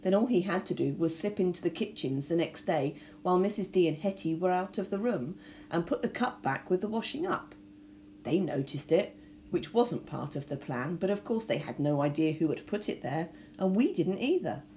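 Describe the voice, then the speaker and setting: A woman reading a novel aloud with expressive storytelling. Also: fairly low pitch, moderate pace, a little hiss or hum. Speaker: reader.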